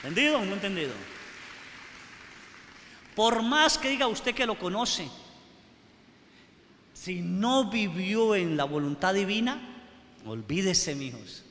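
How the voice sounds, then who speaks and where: Male priest, sermon storyteller, high voice, echoey hall with a long tail. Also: sing-song, slow, long pauses, a bit bright. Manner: storytelling, keeps checking in with the audience. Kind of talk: sermon at a retreat. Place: large hall at a retreat. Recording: echoey hall, faint noise.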